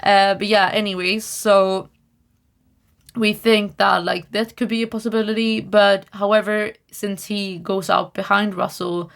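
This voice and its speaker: Young woman cohosting a racing podcast, gravelly voice, rambles and restarts a lot. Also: medium pitch, fairly even intonation, measured pace. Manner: chatty, many fillers and restarts, wry. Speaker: podcast co-host. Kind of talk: casual chat.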